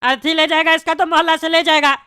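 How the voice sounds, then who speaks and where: A bald, pompous neighbourhood politician, voiced by a woman in a cartoon comedy, high-pitched and bright. He talks in a bossy, rambling way and consoles people tactlessly. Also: flat delivery, quick pace, no echo, clean studio sound. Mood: consoling.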